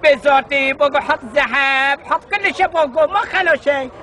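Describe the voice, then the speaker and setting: A man voicing an aggrieved foreign baker in a joke, pleading in drawn-out broken Arabic. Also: very high-pitched, bright, forceful tone. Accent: Gulf Arabic. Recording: music and crowd noise behind.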